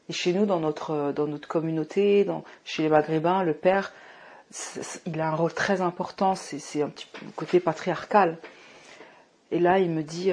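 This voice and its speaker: A woman in her thirties from France giving a personal faith testimony, emotional and often restarting, moving between hushed and fervent speech. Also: deep voice. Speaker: testimony speaker.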